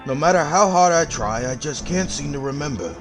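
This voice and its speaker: A man's voice: on the high side, expressive, a little fast, over music, lightly acted. A man voicing a forgetful, blustering old man with old-fashioned exclamations. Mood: flustered.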